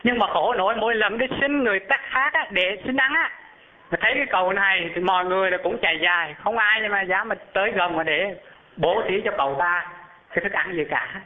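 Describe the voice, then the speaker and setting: A man delivers a storytelling sermon in a slightly high voice, quizzing his listeners as he goes and climbing sharply in pitch for emphasis. The recording sounds thin and phone-like. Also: brisk. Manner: animated, asks the audience questions, rises high when describing. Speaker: Buddhist preacher telling a story. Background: live audience.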